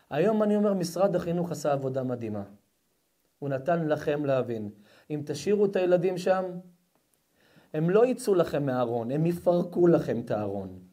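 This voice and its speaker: A rabbi preaching a fiery sermon to a live crowd. His voice is high for a man, and he swings from shouting to quiet, biting sarcasm. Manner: addresses the crowd directly. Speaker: rabbi giving a public lecture. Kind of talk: impassioned sermon.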